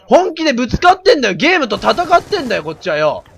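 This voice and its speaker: Loud, theatrical male gaming commentator. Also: very high-pitched, wildly swooping pitch, quick pace, slight background noise. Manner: loud, theatrical, bossy mock-commander banter; frequent shouting and rough slang. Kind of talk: game commentary.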